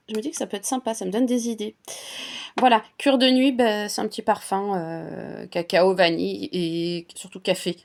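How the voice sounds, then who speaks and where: A woman's voice: medium pitch, darkish tone. A woman vlogging about perfumes in a casual, chatty way, with many fillers and restarts. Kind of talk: casual chat.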